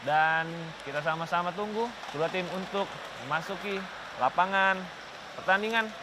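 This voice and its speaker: A man's voice: sits high, moderate pace. A man giving live TV futsal commentary in a presenter's manner. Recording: clear venue noise behind commentary.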